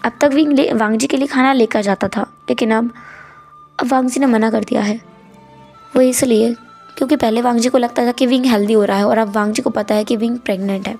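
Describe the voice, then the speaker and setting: Gravelly woman retelling a story casually. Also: a little high, steady tone, brisk, darkish tone, faint music behind. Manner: chatty, mixes in English words.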